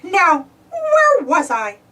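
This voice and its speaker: A woman's voice: very high-pitched, huge pitch swings, extremely slow, pushed and bright, distant mic, a little hiss or hum, voice pushed up, heavily acted. A woman voicing a friendly, bashful male cartoon mouse in a children's storybook, chipper and a little hesitant.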